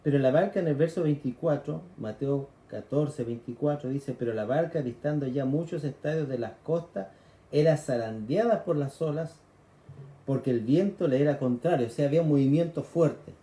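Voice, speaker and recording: A man's voice: on the high side, normal speed, mellow, echoey room. A man with a Chilean accent preaching a sermon, explaining scripture conversationally and acting out the cries of frightened people. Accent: Chilean Spanish.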